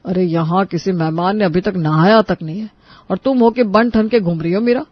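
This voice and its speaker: Voicing a stern middle-aged cartoon father, gruff, scolding, dry sound. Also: mid-range voice, moderate pace, no room sound, dull audio, lightly acted.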